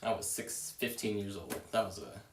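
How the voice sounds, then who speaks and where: Sardonic deadpan man streaming from home. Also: lowish voice, normal speed, background noise. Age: 30s. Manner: sardonic, deadpan, self-mocking. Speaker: livestreamer. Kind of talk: casual rambling livestream chat. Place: room at home. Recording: roomy sound, mic at a distance.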